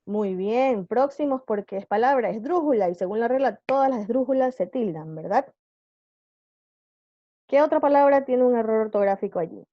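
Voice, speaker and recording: A woman's voice: on the high side, lively intonation, normal speed, no echo, dull audio. A woman teacher giving a live online class, patiently quizzing her students with questions.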